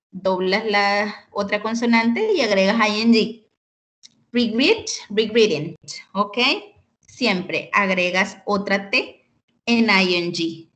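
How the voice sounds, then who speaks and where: A woman teaching an online English lesson, explaining slowly and patiently and often checking in with "ok?". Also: medium pitch, fairly bright tone. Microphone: computer mic on a video call.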